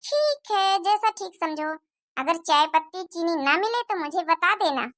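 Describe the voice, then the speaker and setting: A woman's voice: very high voice, lively intonation, measured pace, heavily acted. A woman voicing a polite young cartoon wife. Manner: polite, soft-spoken. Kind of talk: Hindi cartoon moral-story voice acting.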